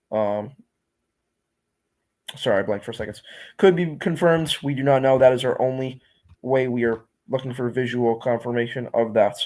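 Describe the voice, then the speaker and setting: A man giving unscripted live storm-tracking commentary as a stream host, instructive and often repeating himself. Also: mid-range voice. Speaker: livestream weather host.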